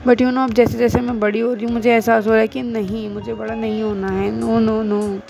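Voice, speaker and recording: With music playing behind her, a twentysomething vlogger and school teacher talks to her viewers in easygoing Hinglish. Her voice is a little high and creaky, level in tone and normal in speed, and she's chatty and self-deprecating.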